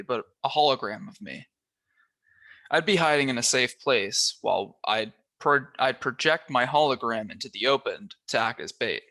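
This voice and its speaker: This man, reading a children's novel aloud as a volunteer, keeps the telling lively in his mid-range voice. For the different characters, he shifts his delivery a little.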